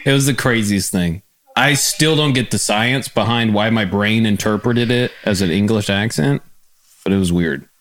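A man's voice: on the low side, moderate pace, a bit bright. A man hosting a podcast, telling stories in an easygoing way and laughing often. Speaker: podcast host. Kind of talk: casual chat.

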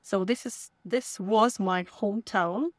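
Slow-speaking woman from Ukraine. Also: mid-range voice, dry recording. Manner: halting, with many fillers and restarts. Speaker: guest, company founder. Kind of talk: interview answers.

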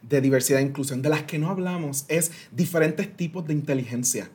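This man's voice is fairly high and a little fast, slightly mellow with a touch of roughness. He's a Puerto Rican guest consultant in his thirties, from Puerto Rico, animatedly explaining ideas in an interview with everyday analogies and some English words mixed in.

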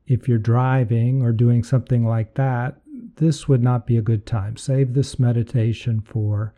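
A meditation podcast host guides a meditation with a medium-pitched voice. He is soothing, gentle and unhurried, sometimes softening toward breathiness.

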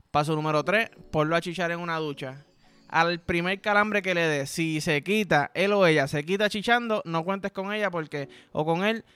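A Puerto Rican man with a high voice tells raunchy comic stories on his podcast. He piles on slang and acts out little scenes with sudden yelps. A faint bed of music sits behind him. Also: fairly bright tone. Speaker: podcast host. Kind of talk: crude comic storytelling.

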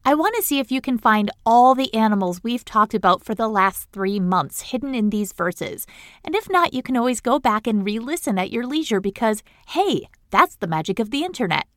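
A woman hosting a podcast in a tiny studio, reading comic rhyming verse in a cheerful, animated way. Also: fairly high pitch, moderate pace, no room sound. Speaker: podcast host.

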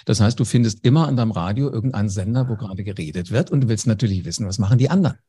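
A man's voice: lowish voice, expressive, very fast, mellow, breathy edge. A man, a former radio host, telling anecdotes in a casual interview, speaking directly to the listener. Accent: German.

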